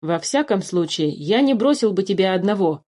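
A woman voicing a hot-tempered young boy who accuses and argues loudly. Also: mid-range voice, lively intonation, moderate pace, lightly acted. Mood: hesitant, stubborn. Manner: loud, indignant, accusing.

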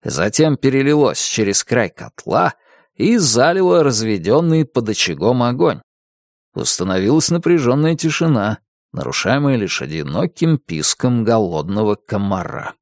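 A man narrating a children's fantasy audiobook with expressive storytelling. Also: mid-range voice, normal speed, dry recording, clean studio sound.

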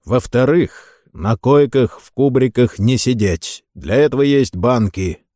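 A man doing a strict gruff space captain. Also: medium pitch, measured pace, dry recording, studio quality, lightly acted. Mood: stern. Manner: curt barked commands, deceptively soft. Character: stern middle-aged male ship captain, gruff, strict.

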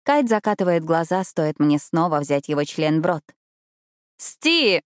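A woman reading a first-person romance audiobook in an intimate, expressive narrating manner. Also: deep voice, moderate pace, no room sound, clean studio sound.

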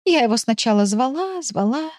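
A woman's voice: a little high, expressive, moderate pace, a little mellow, dry recording, clean studio sound, pitched above the performer's own voice, close to an everyday voice. A woman reading an audiobook, voicing a talkative, flustered village woman who keeps complaining about her pets. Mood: exasperated. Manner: exasperated, chatty, complaining. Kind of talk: audiobook character voice.

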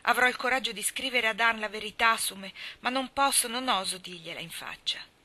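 A woman voicing Mally, a desperate pleading girl. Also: a little fast. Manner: high, loud, pleading outbursts. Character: desperate young woman, tearful and fervent.

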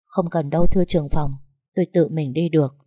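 A woman's voice: sits low, fairly even intonation, quick pace, dark tone, no room sound, studio quality. A woman voicing a reserved, proud young office worker who speaks in a curt, restrained way.

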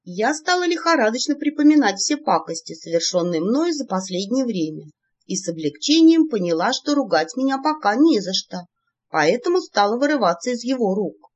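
Husky-voiced woman reading a story. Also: a little high, moderate pace. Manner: lively, expressive reading. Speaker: audiobook narrator. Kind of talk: first-person story narration. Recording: dull lo-fi recording.

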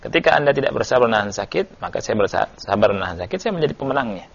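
A man's voice: medium pitch, animated, very fast, vocal fry. A man, a religious teacher, giving a conversational study lesson and answering questions. He tells stories and often uses tag questions and fillers. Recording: dull lo-fi recording.

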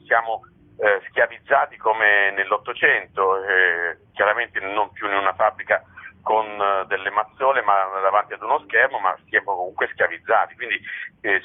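A playwright and theatre director with a fairly low voice answers questions at a normal pace in a spontaneous interview, reflecting and explaining, often adding a short tag question to check in. He is heard over a telephone, on a muffled, narrow-band line.

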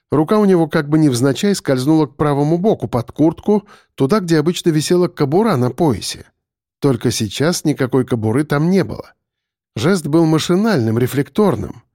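A man narrating an audiobook in an expressive, storytelling way. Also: a little high, no room sound, studio quality. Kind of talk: scripted narration.

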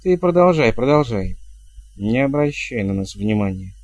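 A man's voice: medium pitch, very animated, normal speed, darkish tone, no room sound, natural voice. A man voicing a stern, commanding old woman witch who gives curt orders. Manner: curt, bossy.

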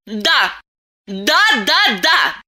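A shrill, venomous wife in a storybook reading, put on by a woman narrator, raising her voice high in accusation. The voice is bright and swings widely in pitch. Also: very animated, drawn-out words, heavily acted. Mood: furious.

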